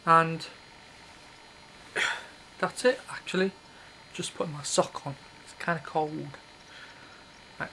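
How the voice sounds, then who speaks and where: In a small bedroom with red curtains, a man in his thirties vlogs into his webcam, rambling bluntly and offhandedly and often abandoning a thought partway. His fairly high voice is slow and pushed and bright, with vocal fry and long pauses. The built-in webcam mic yields a low-quality recording with a little hiss or hum.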